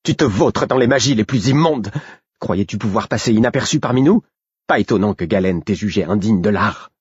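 A man's voice: on the low side, lively intonation, fairly quick, a little mellow, husky, no echo, dull audio, voice pushed up. A man doing a spitting young sorcerer. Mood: spiteful. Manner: spitting, contemptuous. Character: young male apprentice, scornful and venomous.

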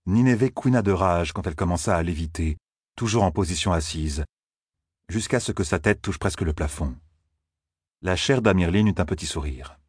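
A man narrating an audiobook in a measured, even storytelling manner. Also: sits low, breathy edge, no echo, clean studio sound.

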